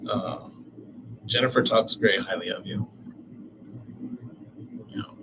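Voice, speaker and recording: Slow, calm police interviewer, hissy tape. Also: male voice, on the low side. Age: middle-aged. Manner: slow, calm, measured questioning. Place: small police interview room. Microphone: room camera from across the room. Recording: dull room audio with steady hiss.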